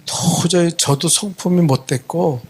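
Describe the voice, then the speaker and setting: A man's voice: a little high, unhurried, breathy edge. A man doing a fed-up weary wife. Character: fed-up wife, middle-aged woman, tired of fighting.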